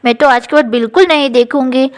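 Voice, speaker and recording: A woman's voice: sits high, fairly even intonation, fast talker, close to an everyday voice. Woman doing earnest little doll Bulbul.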